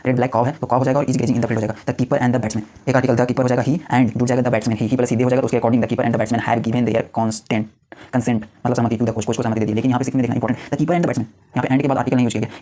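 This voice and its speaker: A young man teaching English grammar, explaining rapidly and mixing Hindi with English example sentences. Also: medium pitch, mellow. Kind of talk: classroom grammar lesson.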